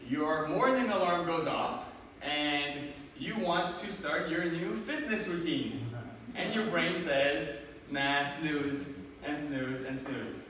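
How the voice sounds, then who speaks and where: A man's voice: fairly high pitch, slow, bright, forceful tone, a little hiss or hum. A man from Romania giving a live motivational seminar talk, engaging the audience with questions. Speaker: motivational speaker. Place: large hall with audience. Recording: echoey hall, from far off.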